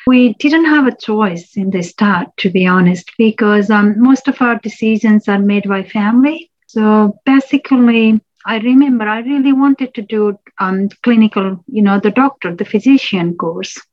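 A woman from Nepal, a public health lecturer, telling her personal story in an interview, reflective and pausing with restarts. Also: mid-range voice, no room sound, highs cut off.

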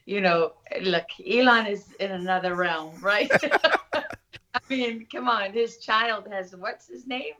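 A middle-aged woman from Durban, South Africa, speaks as a guest in a conversational interview, reflective and full of anecdotes. Her South African-accented voice is medium-pitched, slow and fairly bright, and the audio is slightly dull and lo-fi.

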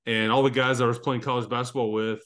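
A man's voice: mid-range voice, little pitch movement, fast talker, fairly bright tone. A man in his fifties hosting a sports podcast, telling long, rambling stories about old games. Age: 50s. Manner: rambling, reminiscing storyteller. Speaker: podcast host. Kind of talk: casual sports podcast chat.

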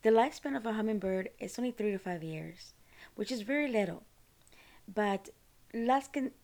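A woman's voice: mid-range voice, expressive, normal speed, a little mellow. Chatty woman from Costa Rica. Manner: chatty, rambling, informal. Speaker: podcast host. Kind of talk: casual solo monologue.

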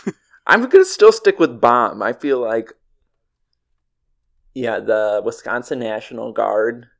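A man chatting slowly on a podcast, his voice gravelly with a lively, swinging pitch. He jokes at his own expense in an easy, unhurried way. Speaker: podcast co-host. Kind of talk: casual chat.

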